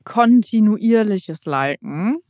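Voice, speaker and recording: A woman co-hosts a casual podcast chat and speaks in a hesitant, searching way, full of small fillers. Her pitch sits in the middle. The recording is dry and close. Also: expressive, slow pace, darkish tone, no echo. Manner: hesitant, many fillers and restarts. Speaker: podcast co-host.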